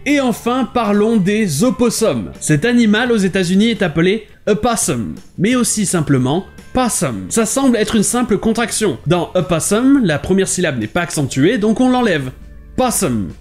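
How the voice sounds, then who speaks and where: Man, vocabulary teacher, lively intonation, clear explanations, quiet music underneath. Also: high-pitched, normal speed, few pauses. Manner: clear, didactic delivery, switching between languages. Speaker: language teacher. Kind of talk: short explainer lesson.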